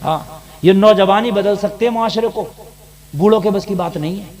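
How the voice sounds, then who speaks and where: Man, very high pitch, fiery sermon, shouts at the crowd. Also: normal speed. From India. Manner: fiery, rising to shouts, addressing the crowd directly. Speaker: mufti preacher. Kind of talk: sermon to a gathering.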